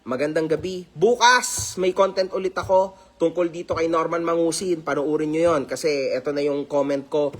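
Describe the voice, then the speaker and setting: A man's voice: a little high, moderate pace, hardly any pauses. A man talking casually to his viewers as a vlogger, teasing and laughing often and mixing English phrases into his talk. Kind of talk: casual commentary vlog.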